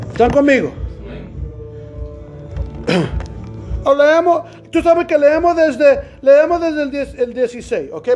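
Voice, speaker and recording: A male preacher leading a Bible study sermon, constantly asking the congregation questions and saying amen, reading scripture slowly and deliberately. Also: extremely high pitch, darkish tone.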